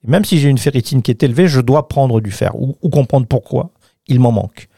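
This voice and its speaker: A man explaining health matters on the radio with plenty of emphasis. His voice is gravelly and mellow, and the studio sound is close and dry. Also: medium pitch, brisk, no room sound. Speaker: doctor guest.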